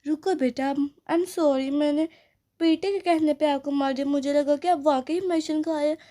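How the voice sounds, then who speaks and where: A woman's voice: high-pitched, steady tone, normal speed, mellow, natural voice. A woman voicing a strict mother doll who scolds and bosses her daughters, in a doll play story. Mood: calmer. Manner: scolding, bossy.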